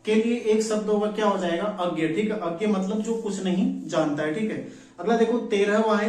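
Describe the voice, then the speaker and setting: A man's voice: high-pitched, a little mellow. A man working through exam practice questions as a teacher, who keeps asking a question and answering it himself. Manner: repeats "ठीक है" often, asks then answers himself. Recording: echoey room, voice from far off.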